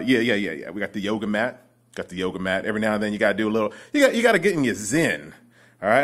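Man vlogging at home, husky voice, lively bouncy pitch, playful slangy talk to camera. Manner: playful, animated, slangy, addresses viewers directly. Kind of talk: casual vlog talk to camera.

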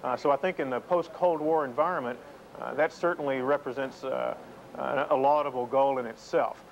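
A middle-aged man reporting live as a space correspondent, explaining things in a measured way. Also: mid-range voice, fairly even intonation, gravelly. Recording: dull, noisy VHS TV broadcast.

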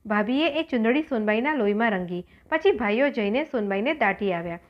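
A woman's voice: on the high side, lively intonation, a little fast, dull audio. A woman reading a folk tale aloud as an audiobook, giving each character a slightly different voice. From Gujarat, India. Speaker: storyteller.

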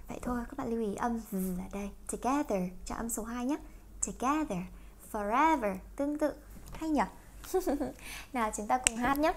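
A woman teaching English through a song, explaining lines and pronunciation and then singing them for learners to repeat. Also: a little high. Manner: switches between explaining and singing along. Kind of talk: song-based English lesson.

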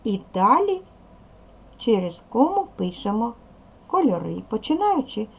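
A middle-aged woman teaching a primary class by video, her voice husky with a gravelly edge. She explains slowly and patiently, her pitch moving a lot as she asks the children questions. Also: very animated. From Ukraine. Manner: slow, clear, patient explaining. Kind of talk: video lesson for young children.

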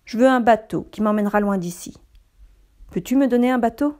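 Tired old boy from a picture book, woman reading him, low mellow subdued voice. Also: brisk, lightly acted. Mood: weary. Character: boy growing old, restless then weary.

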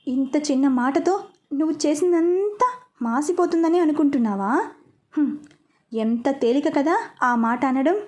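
Storybook young woman, weak yet defiant, high mellow voice, read by a woman. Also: measured pace, pauses often. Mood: bitter. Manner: weak but steady, resentful.

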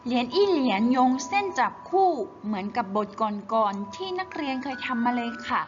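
A woman teaching Chinese in a slow, patient worksheet walkthrough, repeating each syllable clearly. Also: fairly high pitch, big pitch swings, over music. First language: Thai. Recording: slightly dull, faint hiss.

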